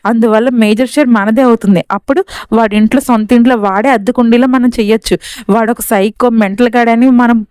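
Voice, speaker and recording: A woman's voice: fairly high pitch, a little mellow, clear, resonant tone, dry recording, close to an everyday voice. Woman voicing a cunning male mastermind.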